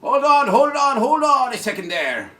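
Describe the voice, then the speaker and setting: A man hosts and sings on a children's storytime show, playful and encouraging, with a singsong manner. His voice is extremely high and sharp, swinging widely in pitch at a normal speed.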